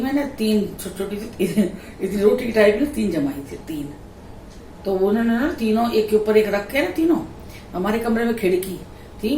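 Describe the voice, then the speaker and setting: A middle-aged woman, a vlogger, chatting in a casual storytelling way, animated and quick to laugh. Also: medium pitch, slight background noise. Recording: echoey room, voice a little distant.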